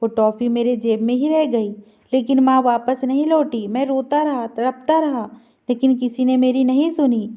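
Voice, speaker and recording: High-voiced woman reading a sad story. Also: normal speed. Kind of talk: scripted narration of an emotional story. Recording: slightly dull lo-fi recording.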